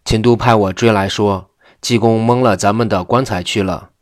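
A man reading the lines of an indignant house servant, louder and urgent. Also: lowish voice, steady tone, moderate pace, no room sound, clean studio sound, natural voice.

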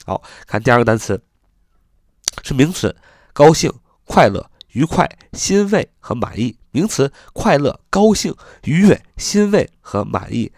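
A man's voice: mid-range voice, very animated, creaky, darkish tone, no echo. A male teacher drills English vocabulary, saying each word several times and spelling it letter by letter. His voice rises and falls a lot as he teaches. The recording is dry, with no room sound. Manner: repeats words over and over, spells letters out slowly. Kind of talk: lesson, reading and spelling words slowly.

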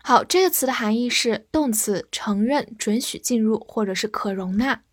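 A woman whose first language is Chinese, teaching English vocabulary, patiently spelling words letter by letter and leading slow read-alongs. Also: on the high side, dry recording, studio quality.

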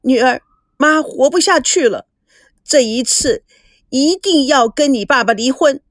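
A woman's voice: sits high, expressive, normal speed, a bit bright, dry recording, clean studio sound. A woman voicing a weeping middle-aged mother who speaks in broken sobs. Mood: sobbing. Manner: sobbing, broken speech.

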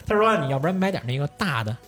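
A man's voice: a little high, very animated, rapid-fire, fairly bright tone, soft background music. A young man, a podcast host telling a story in casual chat, swearing and laughing often. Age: young adult.

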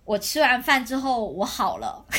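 Young female podcast host, lively storyteller, quick laughs, voice on the high side. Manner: animated, chatty, laughs often while telling a story. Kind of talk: casual storytelling chat.

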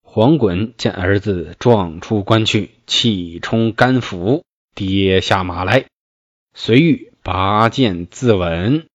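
Low-voiced male storyteller, folksy. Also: slow pace, dry recording. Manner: lively, folksy asides. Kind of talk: classical novel reading with colloquial explanation. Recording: dull, dry lo-fi recording.

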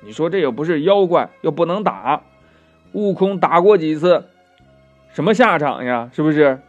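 A man narrating a children's classic tale, gentle and chatty, with asides to his young listeners. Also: a little high, animated, normal speed, lo-fi sound, faint music behind. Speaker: storyteller.

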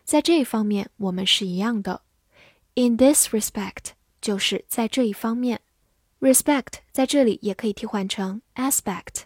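A woman teaching English vocabulary in a scripted lesson, spelling words letter by letter and reading example sentences slowly. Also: fairly high pitch, darkish tone, breathy edge, no echo, studio quality.

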